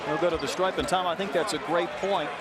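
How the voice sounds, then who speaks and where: A man's voice: a little high, steady tone, fast talker. A man calling live basketball play-by-play, mixing descriptions of the action with game statistics. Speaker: play-by-play sports commentator. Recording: noisy arena broadcast with loud crowd. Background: loud crowd, bouncing basketballs.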